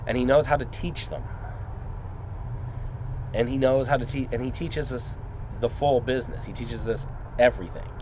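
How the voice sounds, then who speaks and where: A man's voice: mid-range voice, steady tone, moderate pace, long pauses, darkish tone, slight background noise, low-quality recording. A man speaking off the cuff in an earnest, rambling, casual vlog style. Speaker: wrestling student.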